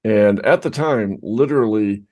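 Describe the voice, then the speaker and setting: Middle-aged male podcast co-host, low voice, casual, self-deprecating storyteller. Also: measured pace, darkish tone.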